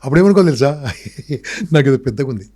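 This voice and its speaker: A man's voice: medium pitch, expressive, fast, dark tone. A man, a public speaking trainer, talking emphatically in an interview and firing off rhetorical questions and lists. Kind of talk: motivational interview talk.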